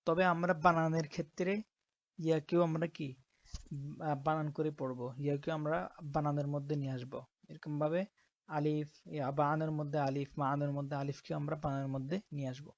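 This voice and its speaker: A woman teaching Quran reading, who spells out letters slowly and often checks that her listeners are following. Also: low voice, little pitch movement, a little mellow, dull audio. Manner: slow, patient, checks in with "ঠিক আছে?".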